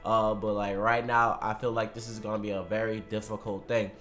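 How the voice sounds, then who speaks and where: A man's voice: on the low side, flat delivery, a little fast, fairly bright tone. A man giving casual, unscripted preview commentary and predictions, talking in a slangy, conversational way and swearing freely. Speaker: anime commentary vlogger.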